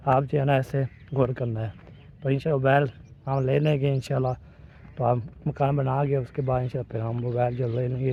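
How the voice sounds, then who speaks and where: A man's voice: mid-range voice, vocal fry, phone-quality sound. A man vlogging casually to camera on his phone while walking outdoors in hot village fields, rambling and repeating filler phrases. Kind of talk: casual family vlog to camera. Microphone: phone camera held while walking.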